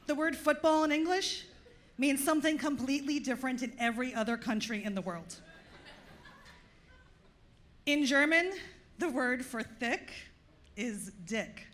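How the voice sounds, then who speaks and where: On a comedy club stage before an audience, a Long Island woman with the local accent delivers dry, self-deprecating punchlines in her stand-up set. Her voice is high and expressive, fairly bright, and unhurried, with frequent pauses.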